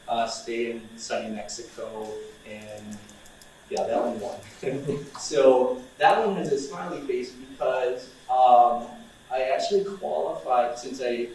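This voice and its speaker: A young man speaking informally to a room of students as an outreach coordinator, relaxed and chatty with plenty of fillers and restarts. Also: mid-range voice, distant mic, a little hiss or hum. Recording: echoey room, voice off-mic.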